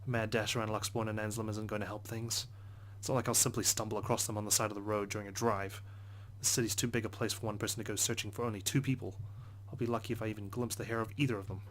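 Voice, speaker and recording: Reading a visual novel aloud as a let's play host, this man delivers first-person narration quickly and in an even tone. His voice is on the low side, and he reads earnestly with occasional stumbles.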